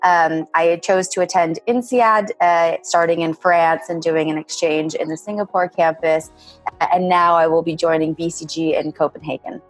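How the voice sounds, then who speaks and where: A woman around thirty, from Bulgaria and California, speaks in a low voice that stays level. She gives measured interview answers with a habit of saying "kind of." Faint music plays behind her. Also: fairly even intonation. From born in Bulgaria, raised in California. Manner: measured, often says "kind of". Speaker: MBA graduate interviewee.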